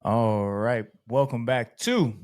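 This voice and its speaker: A man's voice: medium pitch, takes it slowly, a little mellow, faint music behind. A man hosting a podcast in casual chat, telling stories with frequent laughter. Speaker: podcast host.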